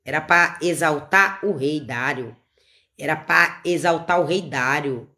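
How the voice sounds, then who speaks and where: A woman's voice: low voice, measured pace, pushed and bright. A woman preaching an informal sermon, fervent and repeating her phrases for emphasis.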